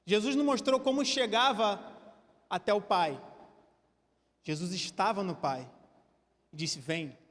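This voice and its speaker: A man with a Brazilian Portuguese accent preaching a sermon to a church congregation, animated and drawing listeners into a staged demonstration. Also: high voice, measured pace, long pauses. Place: church hall. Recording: church hall with long reverb.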